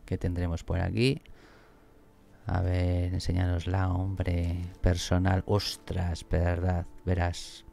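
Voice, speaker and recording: Guy streaming a game, low gravelly voice, yelps and swears a lot. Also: slow. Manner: excitable, swears and exclaims often. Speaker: gaming streamer. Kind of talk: let's play commentary.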